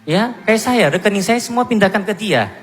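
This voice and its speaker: Korean-born man giving a lively church testimony. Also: high voice, normal speed, long reverb tail, faint music behind. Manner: animated, self-mocking storytelling with laughs. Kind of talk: personal testimony to a congregation. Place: church hall.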